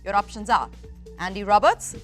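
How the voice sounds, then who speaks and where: A woman's voice: mid-range voice, expressive, moderate pace. A woman presenting a quiz show in an upbeat hosting style. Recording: music under the voice.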